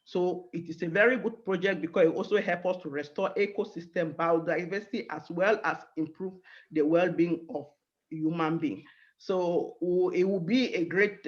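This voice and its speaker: A woman guest speaker giving an earnest online talk, slow and with fillers. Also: lowish voice, darkish tone. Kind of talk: online presentation. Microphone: video call. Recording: dull, muffled video-call audio.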